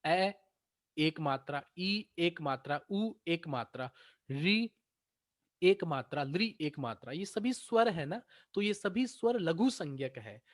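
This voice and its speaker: A man with a fairly high voice teaches Sanskrit grammar to exam students. He explains patiently and repeats each point, often posing a question and then answering it himself. The sound is dry and close, with no room around it. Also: dry recording. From India. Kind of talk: exam-prep grammar lecture.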